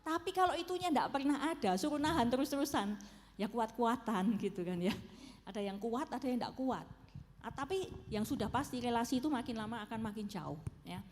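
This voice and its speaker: A woman's voice: fairly high pitch, animated, a little fast, darkish tone, slight background noise. Javanese woman preacher in a reverberant hall. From Solo, Central Java. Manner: conversational, often checks in with "ya kan". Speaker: preacher answering questions. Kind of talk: church Q&A talk.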